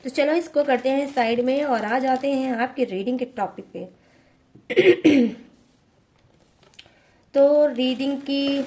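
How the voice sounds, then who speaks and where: A woman's voice: high-pitched, slow, long pauses, dark tone. Coaxing woman reading tarot to viewers. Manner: repetitive, coaxing, keeps checking in with "okay?". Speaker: tarot reader.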